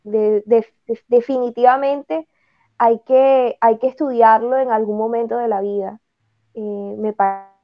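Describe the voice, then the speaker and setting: A woman with a costeño Caribbean Spanish accent talks casually in a somewhat high voice. She pauses and restarts as she thinks aloud. The sound is a little dull and lo-fi. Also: fairly even intonation. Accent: Colombian Caribbean (costeño). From Ciénaga, Caribbean coast of Colombia. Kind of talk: casual conversational interview talk.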